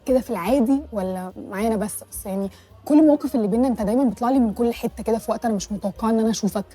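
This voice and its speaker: An actress playing a guarded, well-off young woman who speaks softly and apologetically in Egyptian Arabic. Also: a little high, very fast, slightly rough, faint music behind. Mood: curious.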